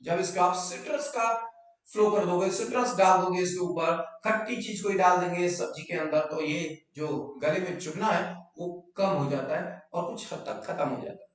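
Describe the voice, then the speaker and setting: बहुत गूंजते कमरे में ऊँची आवाज़ वाला शिक्षक. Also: male voice, sits high, normal speed, recorded from a distance. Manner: explains in mixed Hindi and English, repeats key terms, invites student questions. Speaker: biology teacher. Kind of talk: online live class lecture. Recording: very echoey room, voice off-mic.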